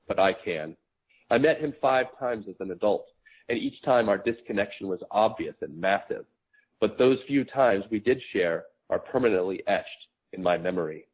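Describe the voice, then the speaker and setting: A man in his forties, an author, reading his memoir aloud in a measured, quiet, reflective way. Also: fairly low pitch, rough recording.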